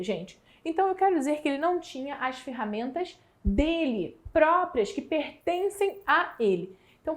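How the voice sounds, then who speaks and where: A woman from Brazil with a Brazilian Portuguese accent, teaching an exam prep English lesson and slowly stretching out the example words. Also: sits high.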